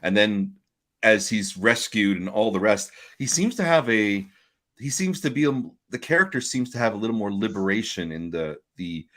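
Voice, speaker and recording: A man with a fairly low voice chats on a podcast. He retells scenes eagerly and slips into quoted voices. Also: moderate pace. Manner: animated storyteller, acts out scenes in quoted voices. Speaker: podcast co-host. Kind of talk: casual chat.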